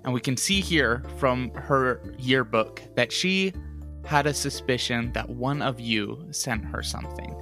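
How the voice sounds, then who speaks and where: A man playing a tabletop role-playing game, improvising casually and haltingly as he thinks aloud. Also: mid-range voice. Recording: background music.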